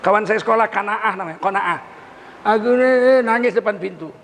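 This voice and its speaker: Older male preacher, high animated voice. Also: normal speed, in a large hall, slight background noise. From Indonesia. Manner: animated storytelling with quoted dialogue. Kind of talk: sermon.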